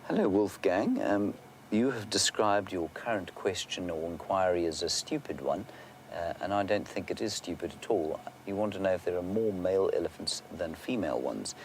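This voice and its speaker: A man working as a safari guide, giving unscripted live wildlife commentary and answering viewer questions, sometimes hushed toward a near-whisper. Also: low voice, animated, moderate pace, poor audio. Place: outdoors in an open safari vehicle. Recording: outdoor vehicle and bush ambience noise.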